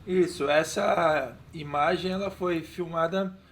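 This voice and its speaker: A man who is a filmmaker, describing scenes from his documentary in a relaxed, descriptive way. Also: on the high side, takes it slowly. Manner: relaxed, descriptive, hesitant restarts. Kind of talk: film commentary track.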